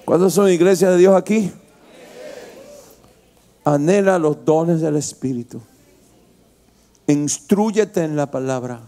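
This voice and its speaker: A male pastor preaching a sermon with passion, moving from quiet, intimate storytelling to loud, shouted exhortation. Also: on the high side, slow pace, pauses often. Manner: impassioned preaching, swings from hushed to shouting.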